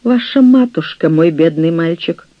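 A man reading an audiobook, voicing an older, jealous and scheming nurse, a widow, in a shrill, reproachful way. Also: animated, moderate pace, no room sound, dull audio. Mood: mournful.

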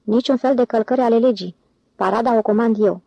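Brief: a woman doing a bossy male swindler chief in an audiobook, commanding and quick to anger, mellow higher voice, dry sound. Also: vocal fry, no echo, poor audio. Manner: commanding, irritable. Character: scheming smooth-talking male con man leader.

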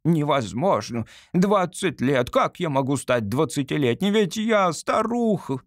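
A giddy old woman turned starlet, as a male reader puts her on, her lines pitched high and swooping all over. She gushes in breathless exclamations. The reading is close and dry. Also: animated, normal speed, dry recording, close to an everyday voice. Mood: disbelieving. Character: hypnotized old woman playing a young actress.

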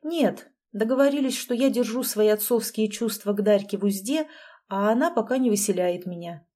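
A reserved, guarded grown man, as read by a woman storyteller, speaking in a flat, terse way. The tone is soft and mellow, close to the reader's own voice. It is a storybook read-aloud. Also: medium pitch, moderate pace, lightly acted.

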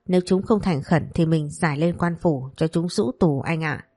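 Stern young master barking orders, woman reading him, low voice. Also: normal speed, dark tone, husky, dry recording, studio quality. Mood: commanding. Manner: curt, commanding. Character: cold, commanding younger son of a rich family.

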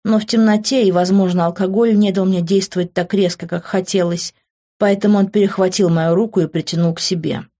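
A woman's voice: mid-range voice, fairly even intonation, a little fast, dark tone, muffled recording. A woman reading a first-person novel aloud as an audiobook narrator, with emotional, intimate storytelling.

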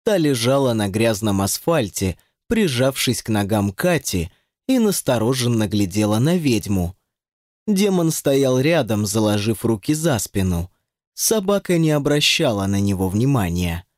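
Male narrator for a novel audiobook: lively, expressive storytelling, dry studio sound. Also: medium pitch, measured pace, no room sound. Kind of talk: scripted narration.

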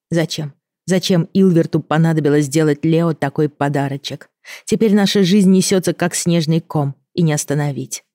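Woman narrating a novel, mellow and dry. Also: low voice, no echo. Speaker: audiobook reader. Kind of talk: first-person novel narration.

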